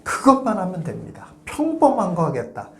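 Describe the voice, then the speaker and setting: A man hosts a real estate channel and talks straight to his viewers. He speaks emphatically, with a lively pitch that climbs and drops, and keeps coming back to short, blunt refusals. The room is echoey, with a faint hum underneath. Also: normal speed. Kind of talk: advice monologue to viewers.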